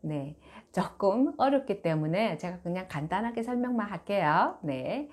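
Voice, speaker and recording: A woman's voice: mid-range voice, animated, darkish tone. Patient woman teaching French phrases. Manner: patient, reads French phrases slowly and clearly. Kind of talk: language lesson explanation.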